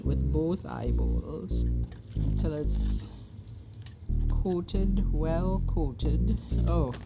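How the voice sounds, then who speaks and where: A woman's voice: low voice, huge pitch swings, extremely slow, vocal fry. An older woman, chatting and telling stories while teaching a cooking lesson, laughing often. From Trinidad. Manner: laughing, storytelling. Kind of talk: casual cooking show chat. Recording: music bed behind.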